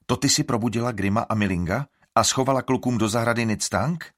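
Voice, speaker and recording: For an audiobook, a man with a mid-range voice plays a stern, threatening old village herb woman, pitching above his natural voice yet staying close to everyday speech. The recording is studio quality with no echo.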